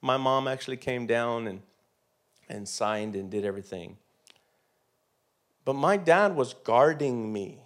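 A man telling a personal story in a sermon, animated and emphatic, swinging between loud and hushed. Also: medium pitch, a little slow, long pauses.

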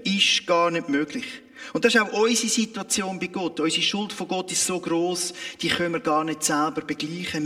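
A man's voice: on the high side, pushed and bright, in a large hall. A man with a Swiss German accent preaching a sermon, retelling a parable emphatically with vivid asides.

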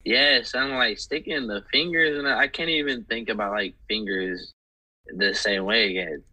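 A man chatting casually as a podcast guest, animated and rambling, full of squeamish exclamations. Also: on the low side, normal speed, slightly rough, poor audio. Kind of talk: casual chat.

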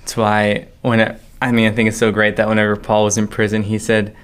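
A man's voice: on the low side, completely flat delivery, clear, resonant tone. Earnest young man in a faith chat. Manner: earnest, builds emphasis with slow stressed phrases. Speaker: podcast co-host. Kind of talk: casual faith discussion.

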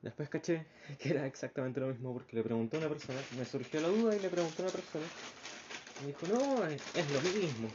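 A young man with a Chilean Spanish accent tells about a bus ride in a casual spoken diary. He rambles quickly in a slightly high voice, acting out the voices of the people involved. The recording is a bit muffled, with faint background noise.

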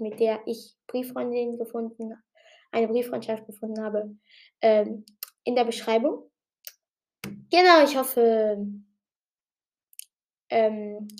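Woman host, slightly high voice, casual rambling explainer, lots of fillers. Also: a little mellow. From outside Germany. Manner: chatty and rambling, with many fillers and restarts; says she talked a bit fast. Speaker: podcast host giving tips.

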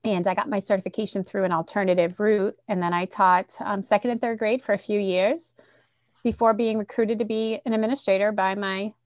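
A woman's voice: medium pitch, steady tone, fairly quick, dry recording. Woman, middle-aged, from Massachusetts, podcast guest, chatty, friendly, dry sound. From Central Massachusetts. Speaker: guest, education coordinator. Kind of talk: casual podcast interview.

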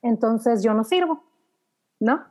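Mexican woman telling lively anecdotes. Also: on the high side, slow pace. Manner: lively anecdotal, acts out quoted dialogue. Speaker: radio announcer guest. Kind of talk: casual storytelling interview.

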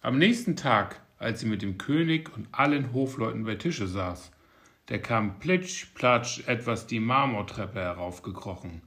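A man reads a fairy tale aloud. His voice sits fairly low, and it rises and falls a great deal as he tells the story. He speaks slowly and with care. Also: animated, fairly bright tone. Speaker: narrator.

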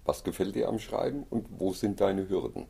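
Deep-voiced man, gravelly husky interviewer, affirming, dark tone. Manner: affirming, measured. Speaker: interviewer host. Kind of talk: interview questions.

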